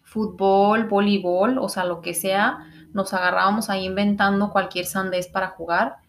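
Young woman, Mexican accent, podcast co-host, casual chat, playful informal wording, medium pitch. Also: flat delivery, normal speed, slight background noise.

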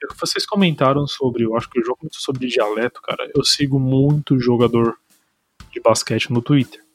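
A man's voice: mid-range voice, brisk, dry recording, faint music behind. A man with a Brazilian accent hosting a casual podcast chat, talking in a loose, slangy way. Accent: Brazilian Portuguese. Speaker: podcast host.

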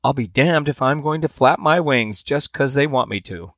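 A man giving voice to a sullen, stubborn little boy bird who mutters his refusals to himself in a storybook reading. The voice sits at an ordinary middle pitch and sounds close and dry, with no room around it. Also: normal speed, fairly bright tone, no room sound. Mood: defiant. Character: stubborn defiant young male baby bird.

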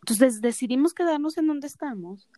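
A woman's voice: high voice, expressive, moderate pace, warm tone, no echo, clean studio sound. A woman in her thirties co-hosting a podcast, telling her story in casual chat and acting out the quoted dialogue with animation. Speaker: podcast co-host.

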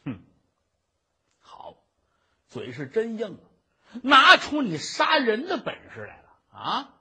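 A man doing a pompous, bullying old-time judge, barking orders in a husky, bright voice that swoops wildly up and down. The storyteller plays him with scorn and bluster. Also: high voice, wildly swooping pitch, takes it slowly, heavily acted. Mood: furious. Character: stern, bullying male high court judge.

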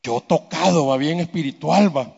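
A man's voice: on the high side, normal speed, vocal fry, a little mellow, husky, long reverb tail, lo-fi sound. A man preaching a sermon with personal testimony, talking in an earnest, emphatic way. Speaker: pastor.

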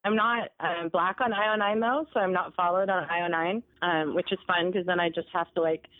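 A woman's voice: fairly low pitch, fairly even intonation, brisk. A woman talking over a phone line on speakerphone, chatty and giggly, with lots of "like" fillers, as a guest in a casual phone interview.

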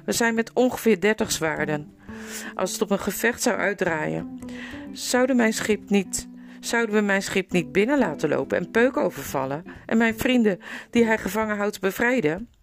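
A woman's voice: mid-range voice, animated, moderate pace, vocal fry, faint music behind. A woman reading aloud, voicing a proud young king who speaks in a bold, formal and commanding way.

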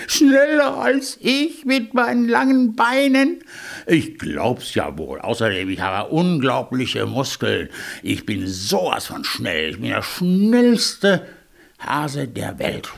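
A man's voice: on the low side, wildly swooping pitch, slow pace, vocal fry, full character voice. A man voicing an arrogant, boastful male hare in a storybook tale, mocking and show-off. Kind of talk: storybook character voice.

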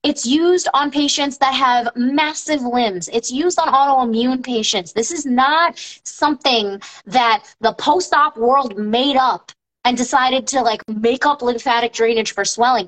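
A woman's voice: high voice, unhurried, fairly bright tone, low-quality recording. A woman in her thirties, a post-op massage therapist, talking casually and emphatically to her followers, her voice rising when she gets indignant. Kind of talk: casual live-stream talk to followers.

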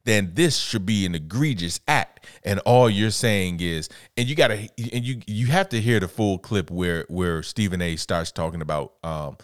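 A man co-hosting a casual podcast, talking sports in an animated way. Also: deep voice, normal speed, hardly any pauses, dry recording, clean studio sound. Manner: animated, mimics voices when quoting others. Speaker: podcast co-host.

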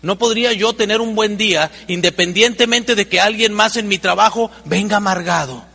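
A man giving an animated seminar talk as a motivational speaker, acting out little dialogues with humor. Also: high-pitched, normal speed, vocal fry, husky. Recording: long hall reverb.

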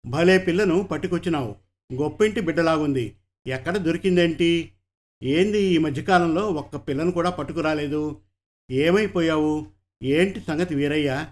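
A man's voice: on the high side, moderate pace, long pauses, natural voice. A man voicing a domineering middle-aged woman brothel keeper who talks in a commanding, threatening way. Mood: bargaining.

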